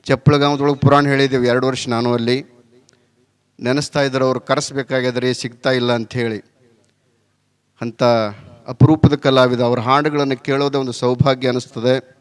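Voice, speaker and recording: A man's voice: medium pitch, flat delivery, moderate pace, pauses often, clear, resonant tone. Resonant middle-aged man preaching with North Karnataka accent. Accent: North Karnataka Kannada. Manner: chatty, asks the crowd rhetorical questions. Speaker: religious leader giving a blessing sermon. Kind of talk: village sermon with folksy anecdotes.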